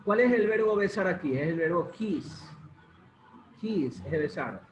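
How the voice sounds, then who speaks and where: A man's voice: high voice, lively intonation, a little slow, a little hiss or hum. A man teaching an online English grammar class, patiently repeating rules and calling on students. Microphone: video call. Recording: muffled video call in an echoey room.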